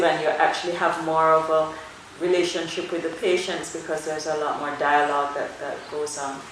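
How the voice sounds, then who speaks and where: A middle-aged woman from Jamaica, a dermatologist answering interview questions in a measured, thoughtful way with frequent fillers. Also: sits low, fairly bright tone, slight background noise. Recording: very echoey room with faint ambience.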